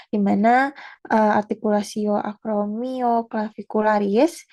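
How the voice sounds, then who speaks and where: A young woman student presenting an anatomy lesson, talking in a halting way with fillers and self-corrections. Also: fairly high pitch, mellow.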